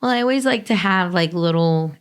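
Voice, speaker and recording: An American woman with a hoarse, raspy, whispery voice that is nearly gone, chatting casually as a podcast co-host. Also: fairly low pitch, animated, brisk. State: hoarse, losing her voice. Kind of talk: casual chat.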